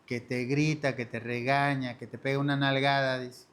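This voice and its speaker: A man's voice: medium pitch, level tone, normal speed, a bit bright, clean tone. A man teaching a church discipleship lesson in an earnest sermon style, often addressing his listeners as brothers and sisters.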